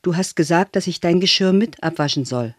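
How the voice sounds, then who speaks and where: A man's voice: on the high side, brisk, dry recording, close to an everyday voice. Timid scolded boy, read by a man, hesitant answers, dry close sound.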